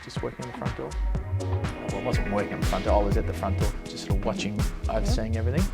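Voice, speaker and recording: Interviewed in his own bar over loud music, a man campaigning for mayor gives rambling, hesitant answers full of restarts. His voice is on the low side, expressive, and racing.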